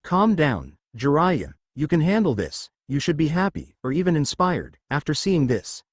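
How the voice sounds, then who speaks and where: A man's voice: fairly high pitch, sing-song, normal speed, breathy edge, dry recording. A man voicing a lecherous, jealous older male ninja in a fan-fiction reading, muttering in exasperation. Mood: exasperated.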